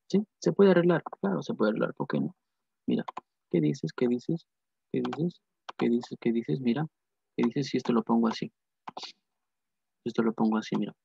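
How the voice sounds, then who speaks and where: A man's voice: mid-range voice, gravelly, a little mellow, husky, no room sound. A man teaching a math lesson, repeating phrases and asking and answering his own questions. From Peru. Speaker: math tutor. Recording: dull lo-fi dry sound.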